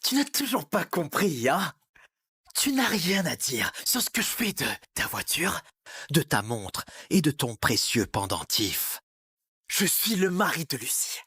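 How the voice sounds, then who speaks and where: A man's voice: on the high side, very animated, unhurried, bright, forceful tone, breathy edge, dry recording, heavily acted. A man acting a sadistic, arrogant love rival in a dubbed melodrama, sneering and taunting. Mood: contemptuous.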